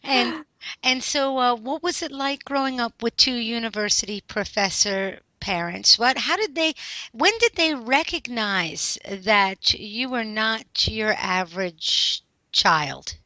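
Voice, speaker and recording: Woman host, bright crisp voice, upbeat and enthusiastic, dry close sound. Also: on the high side, slow, dry recording, rough recording. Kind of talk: scripted introduction then interview.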